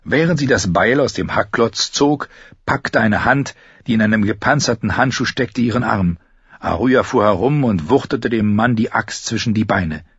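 Male audiobook narrator, fantasy novel, husky low voice, steady telling, dull dry lo-fi recording. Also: normal speed, no room sound. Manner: steady storytelling, raises his voice high for the characters' lines.

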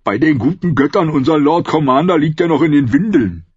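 A man's voice: fairly high pitch, expressive, fairly quick, darkish tone, breathy edge, dry recording, lo-fi sound, pitched above the performer's own voice. A man voicing a teasing old brother with wooden teeth.

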